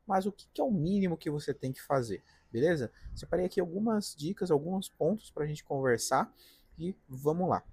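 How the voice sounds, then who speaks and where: A Brazilian designer with a husky, slightly high, dark-toned voice records a casual career advice vlog to camera on his apartment balcony. He has a Paulista accent from the interior of São Paulo and speaks conversationally and directly, often tagging sentences with "né?" and "tá?". There's no echo.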